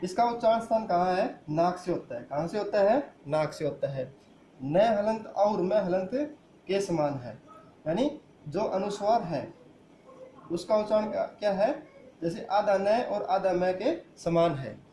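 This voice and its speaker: A man's voice: high-pitched, normal speed, warm tone, echoey room, slight background noise. A man teaching a grammar lesson who asks the class questions and answers them himself. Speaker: school teacher.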